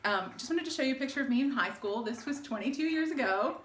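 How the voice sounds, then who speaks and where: A Texas woman in her forties, an alumna sharing her story, chats casually in the kitchen of an old English house, full of ums and easy laughs, as her husband holds the camera. Her voice sits high and animated at a quick pace. The low-quality recording has an echoey room and slight background noise.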